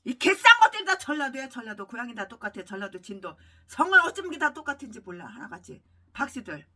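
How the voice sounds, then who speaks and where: A woman pastor delivering a furious, abusive sermon, swinging between shouting and low muttering. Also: big pitch swings, quick pace, far from the mic. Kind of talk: ranting sermon.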